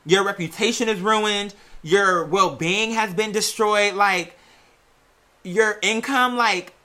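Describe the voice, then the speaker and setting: A show host who is also a music artist delivers a casual, chatty monologue to listeners, calling them "girl" and "y'all." Her medium-pitched voice is bright and forceful, and she stretches key words out theatrically for sassy emphasis.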